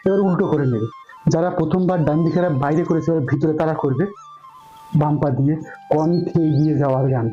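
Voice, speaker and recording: A man teaching a dance routine step by step, counting beats aloud and slowly singing song lines to show the moves. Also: fairly high pitch, steady tone, dark tone. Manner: counts beats aloud while demonstrating steps. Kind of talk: dance tutorial instruction. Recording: dull lo-fi sound with faint music.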